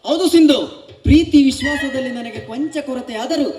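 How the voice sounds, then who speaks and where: A man playing a heartbroken, self-pitying young lover in a melodramatic stage drama, often shouting his lines. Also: extremely high pitch, a little fast. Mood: anguished. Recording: echoey hall with music behind.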